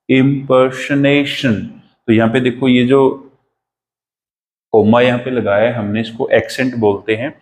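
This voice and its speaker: A man teaching English vocabulary in a classroom-lesson style, with an Indian accent, repeating each word slowly for pronunciation drills. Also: medium pitch, darkish tone, poor audio.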